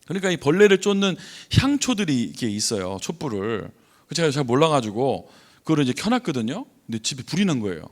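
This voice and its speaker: A middle-aged man preaches to his congregation. His voice sounds gruff and a little angry by nature. He swings his pitch widely as he tells stories and asks the room questions. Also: fast. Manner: animated storytelling, rhetorical questions to the congregation. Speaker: missionary preacher. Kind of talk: conversational sermon. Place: church sanctuary.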